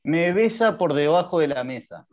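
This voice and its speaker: A student at a mid pitch answers offhandedly during an online class. The call audio is muffled. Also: lively intonation, moderate pace, a little mellow. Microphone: video call.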